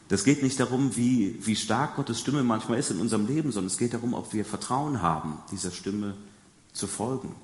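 A man preaching a sermon in a conversational way, asking the congregation questions and dropping to soft, quiet emphasis on key words. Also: fairly low pitch. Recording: echoey hall with long reverb.

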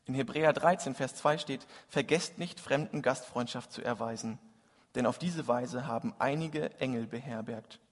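A man preaching a Christmas sermon and telling a story in an earnest, gentle way. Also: medium pitch, normal speed. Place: church. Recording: husky voice with long hall reverb.

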